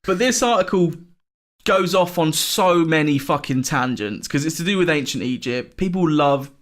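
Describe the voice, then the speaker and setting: A man's voice: on the high side, expressive, normal speed. A young man co-hosting a casual podcast, laughing often and swearing as he reads out odd news stories. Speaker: podcast co-host.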